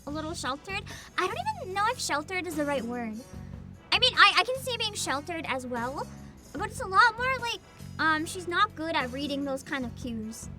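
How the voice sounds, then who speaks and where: A woman's voice: very high voice, normal speed, over music. A woman streaming a story game, switching between giggly casual commentary and reading narration aloud. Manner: animated, giggly.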